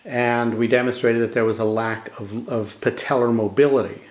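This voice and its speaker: A man working as a manual physical therapist, calmly explaining each step of a clinical demonstration in a treatment room and speaking gently to his patient. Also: medium pitch, moderate pace, rough recording.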